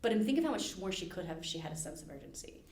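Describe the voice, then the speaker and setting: Hosting a library podcast, a woman chats eagerly about fantasy book lore in a lowish, sing-song, slightly mellow voice, speaking very fast. She's enthusiastic, digs deep into the lore, and loves asides, all recorded in an echoey room.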